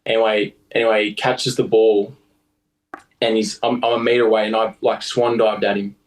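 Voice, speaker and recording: A young Australian rugby player, appearing as a guest, tells long stories in a loose, rambling way full of fillers and laughs. His voice is on the low side with little pitch movement and a moderate pace, and the recording is low quality.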